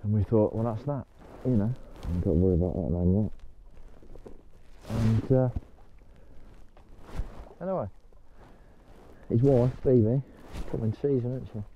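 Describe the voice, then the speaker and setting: A man's voice: lowish voice, measured pace, long pauses, dull audio, slight background noise. An older man chatting casually to camera while kayaking on a canal, talking to his dog now and then. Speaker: vlogger. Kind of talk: casual vlog chat.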